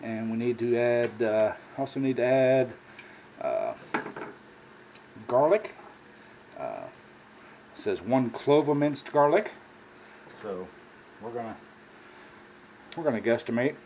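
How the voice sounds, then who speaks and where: A man's voice: mid-range voice, slow, long pauses, darkish tone, muffled recording. Folksy American man over kitchen noise. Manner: folksy, addresses viewers as y'all. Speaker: home cooking vlog host. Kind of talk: casual cooking demonstration to viewers. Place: indoor home kitchen. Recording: clear background noise, kitchen ambience.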